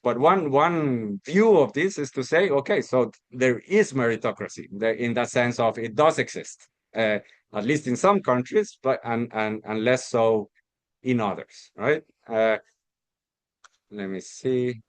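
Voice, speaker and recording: A man's voice: medium pitch, a little slow, dry recording. A man from Costa Rica giving an academic research talk, explaining step by step with many restarts and repeated words. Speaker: academic presenter.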